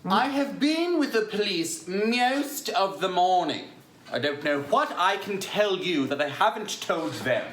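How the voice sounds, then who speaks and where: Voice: mid-range voice, animated, fairly bright tone, echoey room, a little hiss or hum. An actor playing an ailing proud old composer. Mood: guarded. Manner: measured, formal, easily agitated. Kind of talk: amateur online musical reading.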